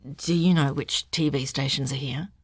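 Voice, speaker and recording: A woman reading a gravelly, scheming husband. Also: low voice, expressive, takes it slowly, no echo, exaggerated voice. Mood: muttering. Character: controlling husband faking grief, gravelly.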